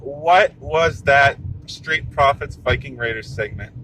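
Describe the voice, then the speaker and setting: Man host, bright voice, easygoing car chat, faint road hum behind. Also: mid-range voice, slow, poor audio. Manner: easygoing, trailing restarts. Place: inside a moving car.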